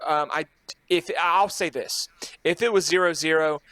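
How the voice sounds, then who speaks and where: A man's voice: fairly high pitch, moderate pace, fairly bright tone, clear, resonant tone, no echo. A man hosting a casual sports podcast, rambling with many fillers and restarts. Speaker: podcast host.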